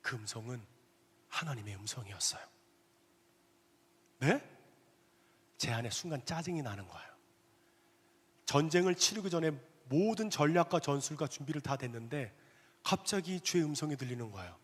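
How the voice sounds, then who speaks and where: A male pastor telling a personal story in a sermon, animated, sometimes dropping to hushed asides. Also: fairly high pitch, moderate pace, pauses often, slightly rough. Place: church sanctuary. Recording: long reverb of a church hall.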